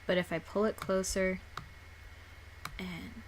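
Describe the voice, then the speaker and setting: Rambling woman explaining software. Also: mid-range voice, steady tone, slow pace, slight background noise. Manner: rambling, restarts and repeats words often. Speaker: tutorial maker. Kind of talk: casual screen-recorded tutorial.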